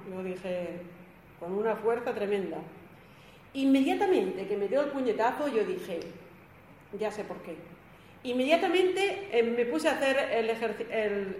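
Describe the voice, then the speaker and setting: A woman's voice: a little high, darkish tone. A woman giving an emphatic spiritual talk to a group, repeating phrases and acting out what people said. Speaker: spiritual speaker. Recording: echoey hall, some background noise.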